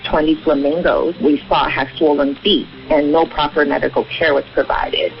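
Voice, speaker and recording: A man with a slightly high, gravelly voice speaks as an animal welfare advocate in a radio interview, explaining things informally. The audio is muffled narrowband shortwave radio with music playing behind him.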